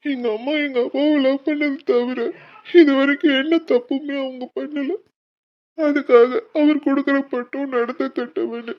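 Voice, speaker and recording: A woman's voice: high-pitched, steady tone, measured pace, muffled recording, voice pushed up. A woman voicing an angry young male college student who pleads hotly for his mother's honour. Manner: heated, pleading.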